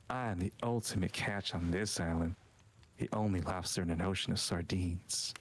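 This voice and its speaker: A man's voice: low voice, slight background noise. A man voicing a cocky, flirty male pop-star killer, reading game lines on a live stream in a sleazy, teasing manner. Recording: loud game music behind.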